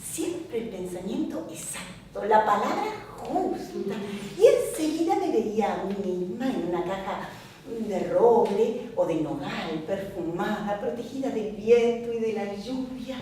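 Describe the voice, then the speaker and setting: Una actriz con acento argentino que interpreta a Olga, una esposa recatada de mediana edad entregada a su marido, en un monólogo teatral expresivo que imita sonidos. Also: female voice, measured pace, distant mic, a little hiss or hum, lightly acted. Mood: dreamy. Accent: Argentine Spanish. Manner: expressive, mimics sounds and shifts pitch for emphasis. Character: Olga, a prim middle-aged wife devoted to her husband. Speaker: stage actress in a one-woman play. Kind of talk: theatrical monologue. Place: theatre stage. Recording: echoey theatre recording from afar with music.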